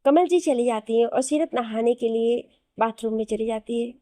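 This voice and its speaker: Woman narrator for an audio romance novel, fairly high, mellow voice, dry close recording. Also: normal speed, no echo. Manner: steady descriptive storytelling.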